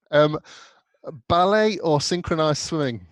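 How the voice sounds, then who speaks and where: A man's voice: a little high, no echo. A man co-hosting a podcast, chatting in a playful, joking, easygoing way. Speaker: podcast co-host. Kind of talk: casual podcast chat.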